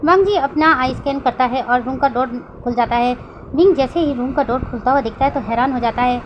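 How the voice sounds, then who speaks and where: A woman reading fan fiction aloud as a storyteller, in plain, steady narration. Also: high-pitched, brisk, muffled recording, slight background noise.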